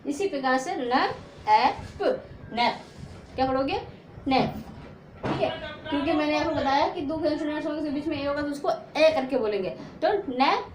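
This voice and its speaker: A woman's voice: high-pitched, normal speed, reverberant, slight background noise, low-quality recording. A woman teaching English phonics in Hindi, who asks her own questions, answers them, and sounds out letters one by one. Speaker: English teacher, channel host. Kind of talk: Hindi phonics lesson at a whiteboard.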